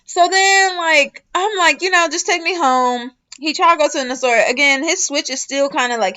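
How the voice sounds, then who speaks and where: High-voiced young woman telling a story. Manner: animated, slangy, swears a lot, addresses viewers as y'all. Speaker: vlogger. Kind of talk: casual storytime while doing a wig install.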